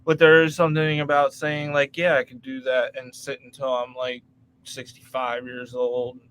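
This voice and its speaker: A man's voice: medium pitch, level tone, moderate pace, fairly bright tone, slight background noise, low-quality recording. A man who runs a travel vlog, chatting casually, swearing freely and laughing between stories. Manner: loose and profane, laughs often. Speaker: travel vlogger. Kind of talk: casual chat.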